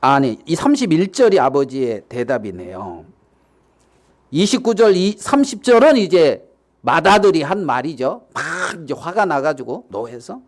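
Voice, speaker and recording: A man's voice: a little high, normal speed. A male pastor giving a sermon, asking the congregation questions and acting out the quotes he reads. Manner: animated, acts out quotes, asks the audience questions.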